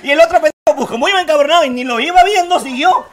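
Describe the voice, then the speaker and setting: A man's voice: extremely high pitch, racing, a little hiss or hum. A man with a Mexican accent telling a vulgar joke on a radio comedy show. He keeps laughing at his own punchlines and swears constantly.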